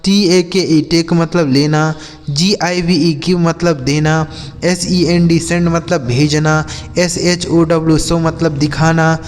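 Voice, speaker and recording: A man teaching English words, spelling each one letter by letter and slowing down to read out example sentences. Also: fairly high pitch, level tone, in a large hall, faint music behind. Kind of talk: spelling and word-meaning lesson.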